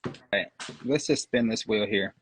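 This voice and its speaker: A man's voice: fairly low pitch, normal speed, a little hiss or hum. A man co-hosting a livestream, chatting casually, laughing often and swearing offhandedly. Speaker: livestream co-host.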